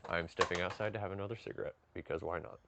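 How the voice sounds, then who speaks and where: With a low, steady, creaky voice, a man in his late twenties talks rapid-fire to his livestream chat against a noisy background. He cooks in his home kitchen, steps outside to smoke, and keeps things casual and profane, joking and reading messages aloud.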